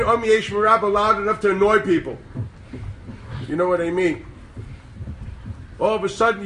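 A man giving an animated, sarcastic Torah class to a group, mixing in Hebrew terms. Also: high voice. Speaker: rabbi teaching a class. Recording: distant mic with loud background noise.

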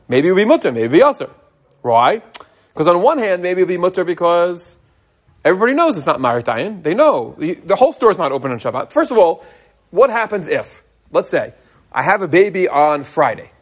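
A middle-aged man giving an informal religious law class as a rabbi, conversational and animated, often asking and answering his own questions. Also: fairly high pitch.

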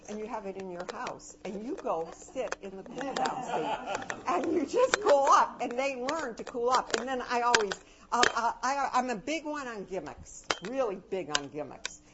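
Animated older woman, lo-fi noisy recording. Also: medium pitch. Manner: animated, anecdotal, swings between soft and loud. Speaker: parenting and education speaker. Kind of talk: talk to a live audience. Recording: dull lo-fi recording with loud noise.

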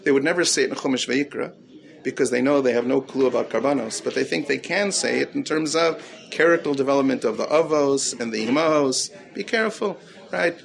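A man acting as a rabbi gives a Torah talk answering questions, speaking earnestly in a slightly high voice with vocal fry. He repeats key phrases for emphasis and mixes Hebrew terms into his English.

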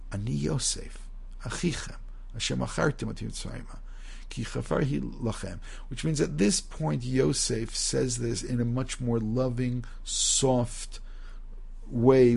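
A man's voice: medium pitch, vocal fry, darkish tone, breathy edge. A man teaching a class on religious texts, reading Hebrew passages aloud and explaining them in a loose, conversational way, often restarting his sentences. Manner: reads Hebrew sources aloud, then explains, with many restarts and "you know". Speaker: Torah teacher. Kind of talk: text-based class lecture.

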